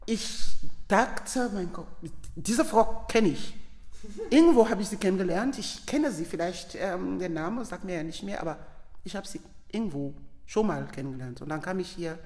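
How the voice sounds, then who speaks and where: A woman's voice: fairly low pitch, normal speed, big-room sound. A middle-aged woman from Leone, a guest telling a personal story with feeling and acting out the dialogue, speaking. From Sierra Leone. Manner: animated, acts out quoted dialogue.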